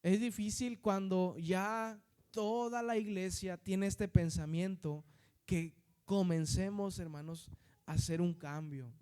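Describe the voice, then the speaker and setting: A man's voice: high voice, takes it slowly, warm tone, smooth. A man with a northern Mexican accent preaching a sermon in a conversational way, often checking in with his listeners and addressing them as brothers and sisters. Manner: conversational preaching, constant tag questions and addressing the brethren.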